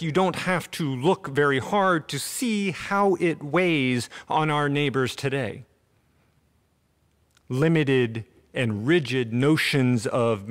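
Pastor in his thirties, male, earnest measured sermon delivery, mid-range voice, podium mic in an empty sanctuary. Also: mid-range voice. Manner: earnest, measured preaching with deliberate pauses. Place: empty church sanctuary with pipe organ. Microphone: podium gooseneck mic.

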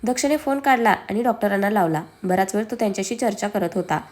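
A woman narrating a serialized family story, expressive and reading every character herself. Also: medium pitch, quick pace.

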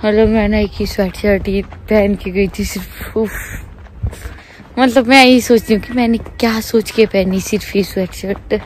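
A young woman talks loudly and chattily to the camera while walking outdoors, vlogging casually. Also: medium pitch, steady tone, moderate pace. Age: young adult. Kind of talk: casual vlog chat. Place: outdoors in a busy town street. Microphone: handheld phone camera, no mic. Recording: outdoor phone recording with crowd noise. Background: crowd chatter.

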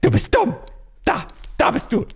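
A man hosting a horror game let's play. He jokes around and yelps when something startles him. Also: normal speed. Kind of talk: casual gaming commentary.

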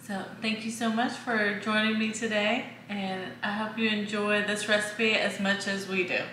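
In an echoey home kitchen with faint noise, a woman in her thirties hosts a cooking video. Her mid-range voice is level yet pushed and bright as she slowly walks through a recipe step by step, casually and with a few fillers.

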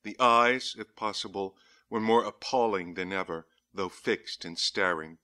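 Bright-toned man narrating a gothic diary. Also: fairly low pitch. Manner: measured, dramatic reading. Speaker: audiobook narrator.

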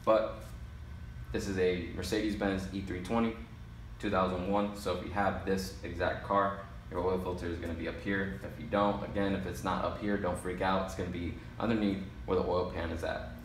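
A deep-voiced auto mechanic explains a job step by step, casually, as he works on a car in a repair shop garage. There's little pitch movement in his voice and he speaks at normal speed. The space is an echoey garage with faint noise in the background.

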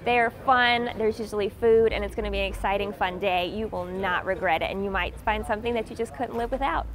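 A woman's voice: mid-range voice, brisk. A young American woman talking enthusiastically in a casual interview. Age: young adult. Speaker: auctioneer. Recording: interview with crowd behind.

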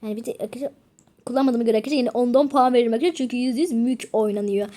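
A woman's voice: on the high side, very fast, mellow. A teenage girl chatting casually over a mobile game she is playing, talking straight to her viewers. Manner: chatty, keeps saying "friends", begs for subscribers; whispers to avoid waking her father. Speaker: gaming vlogger. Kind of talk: casual gameplay commentary.

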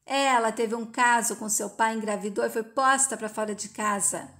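A woman narrator voices a stern, mature woman in a storybook-style retelling, lecturing hard and refusing to give ground. The voice is slightly high and a bit bright, with a harsh, moralizing edge, fairly even intonation and a normal pace.

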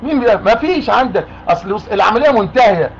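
Egyptian guy arguing on a call, high voice, rapid, keeps demanding the same thing, muffled recording. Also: lively intonation. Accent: Egyptian Arabic. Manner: insistent, repeats demands. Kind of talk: argumentative phone call. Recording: muffled lo-fi call with faint noise.

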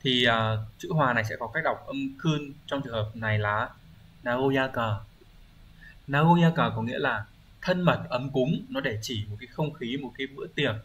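A man of middle pitch talks his students through exam questions one at a time. He explains each word patiently and keeps pausing to check that they follow. A faint hiss sits under the recording. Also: a bit bright. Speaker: Japanese teacher. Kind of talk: exam review lesson.

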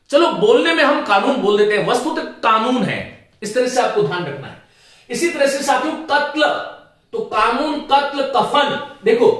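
A middle-aged man with a very high-pitched, fairly bright voice teaches Hindi grammar for exam preparation. He carefully repeats words to model their pronunciation and earnestly appeals to his students. The room is very echoey.

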